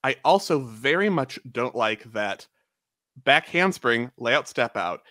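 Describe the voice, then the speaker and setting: A man's voice: mid-range voice, expressive, slow pace, sharp tone, no room sound, clean studio sound. A man co-hosting a podcast in casual chat, opinionated and dryly sarcastic. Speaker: podcast co-host.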